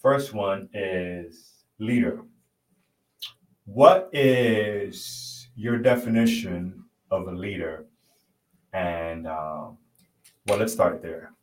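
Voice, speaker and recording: A man hosting a sit-down interview podcast, affirming his guest in an unhurried way. His words come slowly and evenly. The recording is echoey, and he sounds set back from the mic. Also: low-pitched. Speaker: podcast host. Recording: roomy echo from a distant mic.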